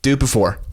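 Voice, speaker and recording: A man's voice: high voice, slight background noise. A young man on a podcast telling blunt, profane stories in casual chat. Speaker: podcast co-host.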